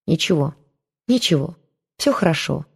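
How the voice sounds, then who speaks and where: A woman voicing a gentle, protective man speaking softly and tenderly in an audiobook. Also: low-pitched, moderate pace, gravelly, slightly rough, heavily acted. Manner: soft, tender.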